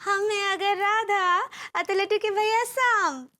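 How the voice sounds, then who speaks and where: A woman's voice: extremely high pitch, slow pace, background noise. An actress playing a simple, innocent village housewife, who mixes up her words. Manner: innocent, sing-song, mangles words.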